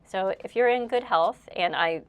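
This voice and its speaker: A young cleaning vlogger with a medium-pitched, clean-toned voice chats at a normal speed while narrating her house cleaning. She sounds slightly congested, rambles casually, pokes fun at herself, and laughs often.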